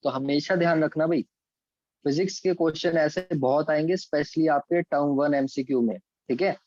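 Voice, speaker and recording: Teaching calculus online, a physics and maths teacher with an Indian accent goes step by step at a moderate pace, dropping English terms into his Hindi and checking in with students by name. His voice is on the high side with a darkish tone. The recording is dry and lo-fi.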